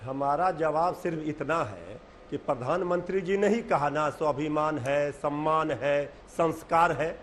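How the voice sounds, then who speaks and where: A man's voice: on the high side, a little slow, hardly any pauses, slight background noise. A man arguing combatively as a party spokesperson in a heated TV debate, talking over others. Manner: combative, pleading then shouting over others.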